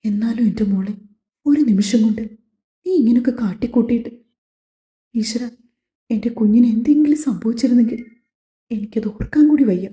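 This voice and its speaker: A woman's voice: on the high side, brisk, long pauses, dark tone, lightly acted. A woman voicing an anxious middle-aged mother who frets tearfully over her daughter, in an audio story. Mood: fretful. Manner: fretful, tearful. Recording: echoey, slightly dull home recording.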